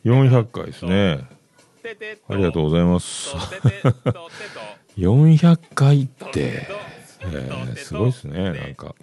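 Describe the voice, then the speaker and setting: Deep-voiced middle-aged man hosting a chat show. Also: very animated, takes it slowly, vocal fry, warm tone. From Yamaguchi, Japan. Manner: rambling, chatty, self-amused asides. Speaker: podcast host. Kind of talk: casual solo radio-style chat.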